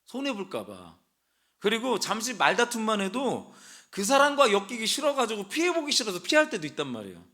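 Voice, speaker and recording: A young pastor delivering a sermon in a lively, sing-song voice that rises and falls widely. His pitch sits a bit high for a man. He talks to the congregation conversationally and mixes plain everyday speech with preaching. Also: a little fast.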